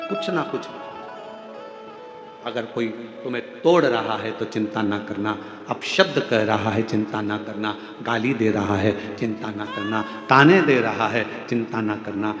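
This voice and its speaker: Man, bright tense preaching voice, echoey hall with faint music. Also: a little slow. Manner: sing-song preaching, voice swings from loud exclamations to soft low passages; asks the crowd questions. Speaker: religious storyteller. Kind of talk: devotional sermon. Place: large venue with audience.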